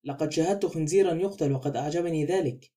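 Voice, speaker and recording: Man reading a ghoulish ten-year-old boy, eager and chattering, a touch higher, mellow tone. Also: fast talker, lightly acted.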